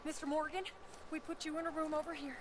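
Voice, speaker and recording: An actress playing a stern, brisk camp matron in a video game. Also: female voice, sits high, little pitch movement, a loud crowd, natural voice.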